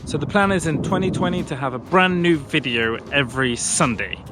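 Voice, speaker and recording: A vlogger in his thirties walks a country path with a camera clipped to a pushchair, chatting casually and self-deprecatingly while out of breath from pushing uphill. His voice is a little high, expressive and a bit fast, against a noisy background.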